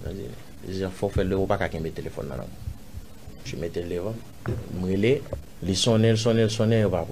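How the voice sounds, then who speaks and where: A man with a Haitian accent, an interview guest recounting a personal story, acting out other people's lines with sudden loud jumps and dropping to murmurs. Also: brisk, slight background noise. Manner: animated, acts out others' lines in raised voice; drops to low murmurs and whispers.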